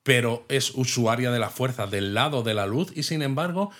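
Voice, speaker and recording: Male podcast co-host, mid-pitched, casual and reflective, leans on tag questions. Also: moderate pace, a bit bright. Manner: thoughtful, with frequent tag questions. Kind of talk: casual chat reviewing a TV episode.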